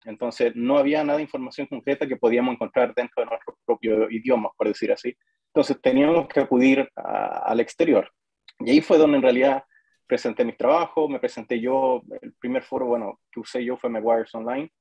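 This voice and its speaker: A man from Chile, chatting casually as a guest and pausing often with fillers and restarts. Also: medium pitch, dark tone, husky, no room sound, highs cut off. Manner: hesitant, frequent fillers and restarts. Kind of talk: casual conversation.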